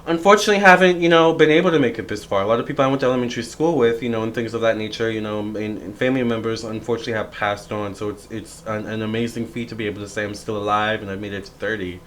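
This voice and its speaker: A man's voice: fairly low pitch, racing, hardly any pauses, fairly bright tone, slight background noise. Man in his thirties, rambling vlog. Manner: rambling, with many fillers and restarts. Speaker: tarot reader and astrologer. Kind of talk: casual reflective vlog monologue.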